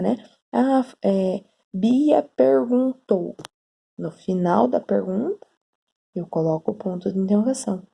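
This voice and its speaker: A woman's voice: mid-range voice, vocal fry, warm tone, breathy edge. A woman teacher giving a patient online lesson on writing, checking in often with her students. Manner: slow, patient explaining with frequent "tá?" and "né?".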